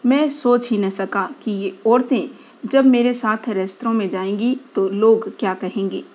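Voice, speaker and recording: A woman reading aloud a literary first-person story in a measured way, often dropping to a quieter tone. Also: mid-range voice, steady tone.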